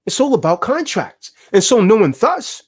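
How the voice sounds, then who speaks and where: A man's voice: sits high, big pitch swings, normal speed, breathy edge. A man giving a fiery, preachy lecture, full of emphatic rhetorical questions. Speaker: speaker teaching about contracts.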